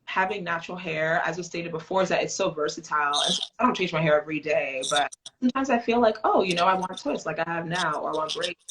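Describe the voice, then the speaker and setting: A woman guest on a group audio call, talking in a relaxed, reflective way. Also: fairly low pitch, fast talker, poor audio. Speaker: guest speaker.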